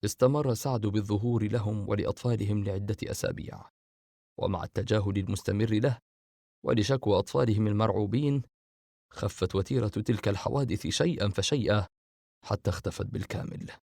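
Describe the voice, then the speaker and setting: Man voicing a calm, low eldest brother. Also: quick pace, gravelly, no room sound, clean studio sound. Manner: calm, steady. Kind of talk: audiobook character reading.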